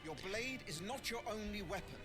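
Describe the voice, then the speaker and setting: An actor playing a stern, teasing swordmaster who drills a young knight in a theatrical, commanding way for a video game. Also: male voice, high voice, expressive, fairly quick, music in the background. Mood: stern mentoring.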